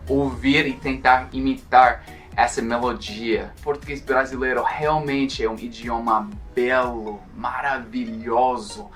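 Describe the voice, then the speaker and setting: A man's voice: mid-range voice, fairly even intonation, measured pace, a bit bright, faint music behind. Man speaking Portuguese, drawing words out. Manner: enthusiastic, lingers on words to show their sound. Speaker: language learner in a played clip. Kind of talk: scripted video narration.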